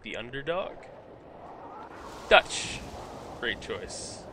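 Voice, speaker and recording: Game music runs behind a let's play commentator whose medium-pitched voice sounds pushed and bright, with slight background noise. He casually jokes about the video game he's playing and reads its text aloud in silly voices.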